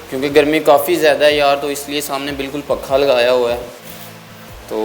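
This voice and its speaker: A chatty man speaks casually to his viewers while he tends his birds, and now and then he coaxes them in a friendly voice. His pitch sits in the middle range. Soft music plays faintly behind him, and the sound comes from a phone camera held in his hand. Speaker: bird-keeping vlogger. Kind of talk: casual vlog chat. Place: at home, among bird cages.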